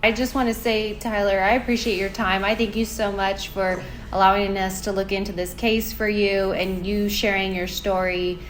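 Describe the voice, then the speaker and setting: A woman's voice: medium pitch, level tone, moderate pace, a little hiss or hum. A woman co-hosting, sincerely thanking a scam victim for sharing her story. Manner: grateful, sincere. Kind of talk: thanking a guest.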